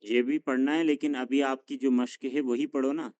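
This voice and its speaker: A man's voice: medium pitch, fairly even intonation, moderate pace, clear, resonant tone, no echo, muffled recording. Patient man drilling a language class. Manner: patient, encouraging, corrects gently. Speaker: Arabic teacher.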